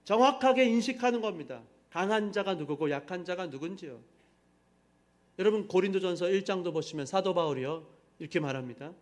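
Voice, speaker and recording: A middle-aged male pastor delivers a sermon in a church sanctuary, his voice pitched high. He presses the congregation with emphatic rhetorical questions, then drives home each point. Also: brisk. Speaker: senior pastor.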